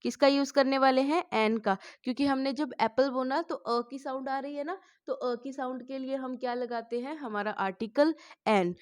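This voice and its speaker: A woman's voice: high-pitched, fairly even intonation, moderate pace, clean tone. Woman teacher quizzing her class. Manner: asks the class questions and answers them herself. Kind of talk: spoken English lesson.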